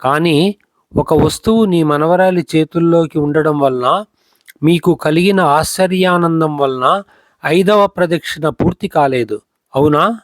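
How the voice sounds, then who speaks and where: A man's voice: fairly high pitch, no echo, studio quality, lightly acted. A man voicing a revered elderly male sage who laughs and gives commands in a storybook reading.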